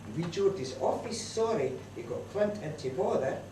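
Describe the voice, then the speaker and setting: Broad Scots woman, comic monologue, lively pitch, distant roomy hall recording with noise. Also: moderate pace. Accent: Scottish, broad Scots. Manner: lively, chatty Scots dialect delivery. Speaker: storyteller at a community event. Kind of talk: comic monologue told as a mother's letter. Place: community centre hall, live audience.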